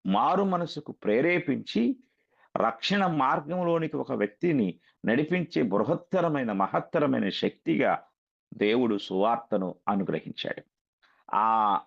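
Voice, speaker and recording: Male preacher, gravelly voice, earnest emphatic sermon, muffled lo-fi audio. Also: mid-range voice.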